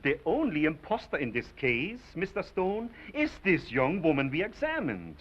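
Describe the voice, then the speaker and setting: Pompous doctor, animated delivery. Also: male voice, a little high, moderate pace. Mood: stern, emphatic. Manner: formal, emphatic, declamatory. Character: pompous foreign specialist doctor, precise, self-important man. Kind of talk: 1930s screwball film acting. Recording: muffled, hissy 1930s film soundtrack.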